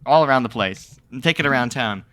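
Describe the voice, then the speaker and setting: A man's voice: medium pitch, animated, brisk, bright, forceful tone. A man co-hosting a podcast in a playful, teasing way. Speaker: podcast co-host. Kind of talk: casual chat.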